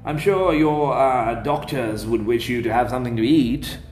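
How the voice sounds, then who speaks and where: A man's voice: mid-range voice, normal speed, a little mellow, close to an everyday voice. A man voicing a tired, strained but polite British official. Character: weary proper male British official. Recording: roomy with faint music.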